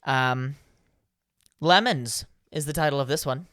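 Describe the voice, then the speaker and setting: A man's voice: mid-range voice, unhurried, pushed and bright, no room sound. Dry, playful man co-hosting a podcast. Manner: laughs often, breaks into playful sing-song bits. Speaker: podcast co-host. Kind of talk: casual chat, reading posts aloud.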